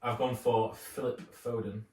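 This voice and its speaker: A man's voice: medium pitch, fairly even intonation, moderate pace, darkish tone, a little hiss or hum. A man co-hosting a casual football podcast, chatty and teasing with his friends. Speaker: podcast co-host. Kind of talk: casual chat. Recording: roomy echo, mic at a distance.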